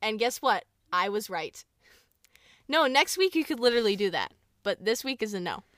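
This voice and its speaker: A woman's voice: a little high, very animated, normal speed, a bit bright, no echo, clean studio sound. A young woman co-hosting a podcast in casual chat, playful and teasing, often breaking into laughter. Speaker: podcast co-host.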